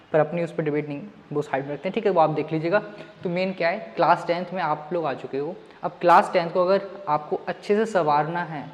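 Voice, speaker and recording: A man's voice: fairly high pitch, highs cut off. A man teaching maths in a casual online lesson, talking straight to his students and mixing English words into his talk. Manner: chatty, addresses students directly, mixes in English words. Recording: long reverb.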